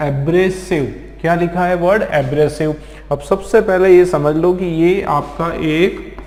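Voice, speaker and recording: A man from India teaching English vocabulary in an exam-prep lecture, explaining slowly and checking in with his students again and again. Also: fairly high pitch, a little mellow. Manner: explains slowly with many repeated check-ins. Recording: echoey room with long reverb.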